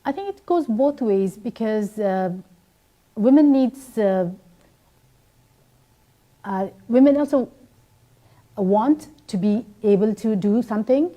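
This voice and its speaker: Hesitant woman guest from Nepal, mellow voice. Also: a little high, expressive, takes it slowly, pauses often, highs cut off. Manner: hesitant, many fillers and restarts. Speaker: author interviewed as guest. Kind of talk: live TV interview answers.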